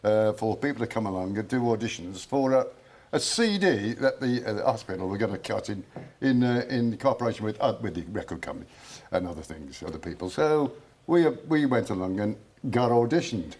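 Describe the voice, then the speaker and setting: An older man talking casually as a veteran guest on television. His voice is a little low, and he is easygoing, with some hesitation between phrases. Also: expressive, a little fast, a little mellow. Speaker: Chelsea Pensioner, veteran guest. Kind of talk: casual TV interview.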